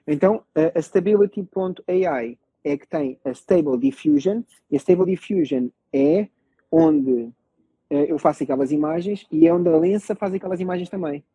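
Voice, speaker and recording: A man's voice: on the high side, normal speed, dark tone, husky, no room sound, lo-fi sound. A man with a European Portuguese accent explaining things in a casual discussion, often repeating phrases and checking that listeners follow. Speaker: panelist explaining technology.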